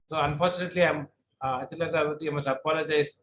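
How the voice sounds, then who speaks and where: Speaking very fast with a fairly high, even, somewhat bright voice, this middle-aged man teaches an online class in a droning way. He fields questions patiently and explains things step by step, with some repetition, over slight background noise.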